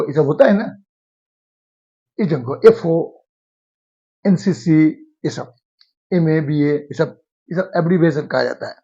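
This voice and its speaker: A man teaching an English grammar lesson, explaining slowly and repeating each point. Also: high voice, a little mellow, breathy edge. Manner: slow, repetitive, drawn-out explaining. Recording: dull lo-fi sound.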